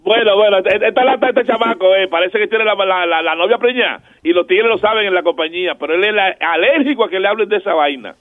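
A man's voice: high voice, quick pace, few pauses, dry recording, narrow, tinny audio. A male radio host with a Dominican accent, telling crude, joking stories in casual banter. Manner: joking, crude, animated storyteller.

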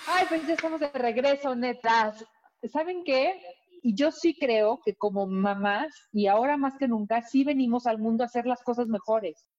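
A woman hosts a chatty daytime show. Her voice sits a little high, and she talks in a relaxed, conversational way. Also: normal speed, muffled recording. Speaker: talk show host. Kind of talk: casual chat.

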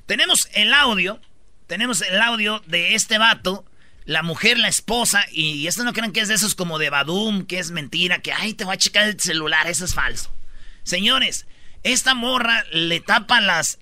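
A man's voice: high-pitched, pushed and bright, no echo. A man with a Mexican accent, host of a casual countdown show, telling stories with jokes and slang. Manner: joking, slangy storytelling.

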